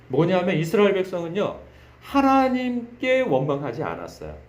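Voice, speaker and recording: A male pastor delivers an early-morning sermon in a high, animated voice that swings widely in pitch. He presses his points with rhetorical questions and acts out dramatic laments. The room gives his voice a noticeable echo.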